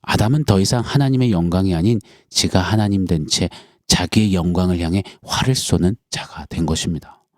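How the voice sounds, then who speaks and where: Pastor, male, low voice, earnest sermon delivery with dramatic pauses, dry recording. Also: darkish tone, dry recording. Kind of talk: dawn sermon.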